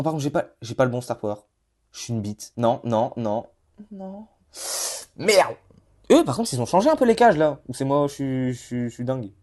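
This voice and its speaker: Male gamer host, lively pitch, rambling, yells at his team. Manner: excitable, rambling, bursts into yells. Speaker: gaming YouTuber. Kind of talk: casual let's-play commentary.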